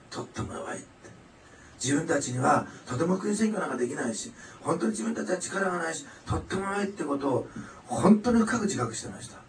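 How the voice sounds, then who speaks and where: A man preaching a sermon, animated and emphatic, swinging between loud declarations and soft asides. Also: fairly high pitch, recorded from a distance, slight background noise. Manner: animated, rising to loud emphatic passages then dropping soft. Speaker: pastor. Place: church hall. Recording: echoey hall, mic some way off.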